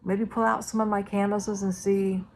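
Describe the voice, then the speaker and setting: A woman's voice: medium pitch, flat delivery, moderate pace, slight background noise. A woman vlogger sharing her predictions in a loose, rambling, conversational way. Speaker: psychic vlogger. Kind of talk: casual spoken predictions.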